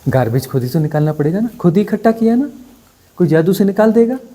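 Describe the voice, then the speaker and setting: A spiritual teacher giving a satsang discourse, talking conversationally and bluntly, often pausing to ask his listeners for agreement. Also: high voice, animated, mellow. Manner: conversational, keeps asking "है ना?" for assent; blunt and dismissive, mocking.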